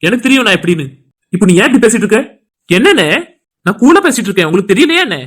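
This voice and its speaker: A heartbroken younger brother, as a man voices him in a cartoon, talking in a rapid, high rush. He keeps a bitter, self-mocking calm. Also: faint music behind, exaggerated voice. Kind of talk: cartoon voice acting.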